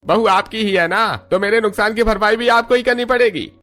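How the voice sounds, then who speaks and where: A man's voice: high voice, fairly even intonation, fairly quick, a bit bright. A man voicing a rude, greedy shopkeeper in a cartoon story, blunt and complaining.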